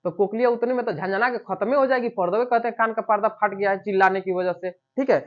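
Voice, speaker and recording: A man's voice: high-pitched, fast talker, lo-fi sound. A man teaching a coaching class in with a tinge. He poses questions to his students, answers them himself, and keeps checking with "okay". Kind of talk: classroom lecture.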